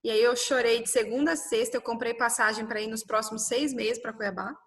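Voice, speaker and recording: A woman's voice: a little high, brisk. A woman, telling her own story in an interview, acting out dialogue and often tagging "né?". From Brazil. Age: 30s. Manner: animated, quotes dialogue, frequent "né?".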